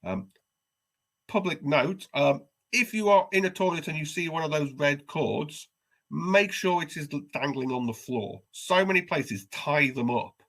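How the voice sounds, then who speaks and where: A man co-hosting a podcast, telling a story in a wry, self-deprecating, animated way. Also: fairly high pitch, measured pace. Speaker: podcast co-host. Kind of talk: casual storytelling chat.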